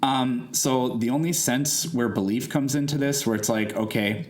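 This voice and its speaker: A man with a mid-pitched voice argues in a conversational debate. He explains step by step in a pedantic, reasoning manner and often poses rhetorical questions. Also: normal speed, slight background noise. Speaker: debater defending evolution.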